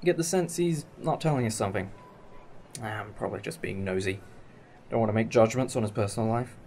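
In an amateur fan audio drama with clear background noise, a man plays a wry, old-fashioned, time-travelling alien leader who explains things with some hesitation. His fairly low, darkish voice moves fairly quickly, and the acting is light.

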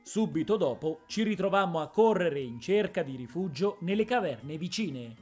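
A woman narrating a fantasy story in a measured, expressive reading style. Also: lowish voice, husky, faint music behind. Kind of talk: dramatic audiobook narration.

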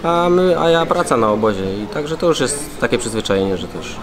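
A man in his thirties, a footballer, answering interview questions in a hotel room, pausing often with fillers. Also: mid-range voice, animated, crowd noise. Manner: hesitant, many pauses and fillers. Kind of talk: casual interview.

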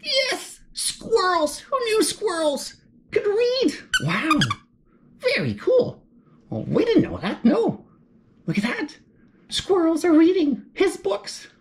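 With a very high voice and huge swings in pitch, a woman slowly reads a picture book to children over slight background noise. She gasps in surprise and poses questions to the listener as she turns each page.

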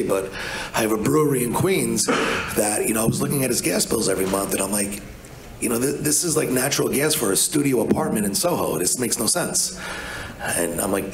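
A man's voice: mid-range voice, echoey room, low-quality recording. A man, talking bluntly and casually on a conference panel, with many restarts. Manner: blunt, chatty, with many restarts and "you know". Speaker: energy advisor on a conference panel. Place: large hotel conference room.

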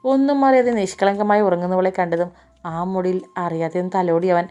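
A woman narrating a romantic audiobook story, steady and expressive. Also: on the low side, fairly quick, clear, resonant tone, highs cut off.

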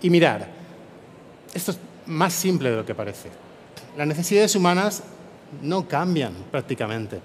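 A man with a Spain Spanish accent giving a motivational conference keynote, speaking energetically to a live audience and tagging his phrases with quick "eh?" and "no?". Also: on the high side, long reverb tail, a little hiss or hum. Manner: energetic, peppers speech with "¿eh?" and "¿no?" tags; addresses and rallies a live audience. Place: conference stage before an audience.

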